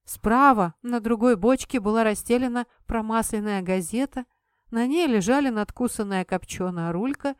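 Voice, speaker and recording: A woman narrating a fantasy story in the first person with an expressive, lively reading. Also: on the high side, moderate pace, clean tone, no room sound, clean studio sound. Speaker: audiobook narrator.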